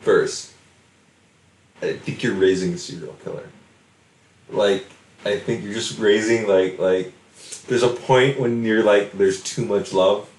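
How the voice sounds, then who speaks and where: Low-voiced man chatting in an echoey room. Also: steady tone, measured pace, long pauses, darkish tone. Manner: hesitant, full of "like" fillers. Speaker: podcast co-host. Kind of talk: casual chat.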